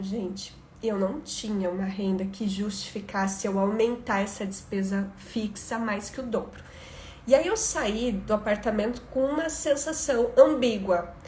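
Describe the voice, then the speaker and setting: Echoey, higher-voiced woman. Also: a little mellow. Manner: emphatic, addresses listeners with rhetorical questions. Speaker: online self-development coach. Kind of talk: live talk, personal storytelling and coaching. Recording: echoey room, faint background noise.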